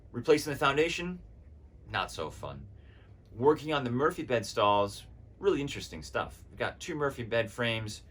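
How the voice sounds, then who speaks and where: American man, thirties, lowish voice, conversational, laid-back, understated delivery to camera. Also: fairly bright tone. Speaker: actor on a self-tape audition. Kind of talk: casual, conversational talk to camera. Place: indoors, in front of a plain wall.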